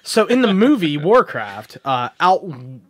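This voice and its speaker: A man's voice: on the high side, very animated, unhurried, no echo. Rambling young man on a dry podcast mic. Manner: rambling, swears and laughs easily. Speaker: podcast host. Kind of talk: casual podcast chat.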